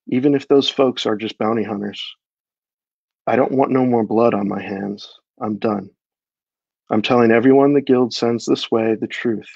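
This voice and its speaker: A man's voice: medium pitch, creaky, a little mellow, no room sound. A man reading aloud, voicing a weary, grumbling man in a tavern in his own voice, recorded on a dull, dry mic.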